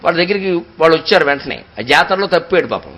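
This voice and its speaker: A man giving a devotional discourse, telling stories expressively and chanting verses slowly and at length. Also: on the high side. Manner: expressive storytelling, slow drawn-out verse recitation. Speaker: spiritual discourse speaker.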